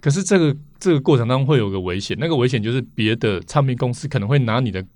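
Taiwanese-accented mandarin guy, medium pitch, explaining stuff casually in an interview, close dry sound. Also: lively intonation, quick pace, a little mellow, no room sound. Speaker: interview guest, vintage record collector.

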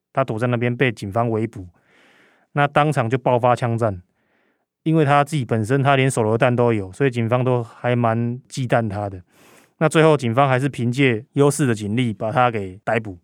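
A man's voice: medium pitch, normal speed, no room sound, studio quality. A man with a Taiwanese Mandarin accent recounts a case conversationally as a reporter, speaking through a face mask. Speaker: crime reporter as podcast guest.

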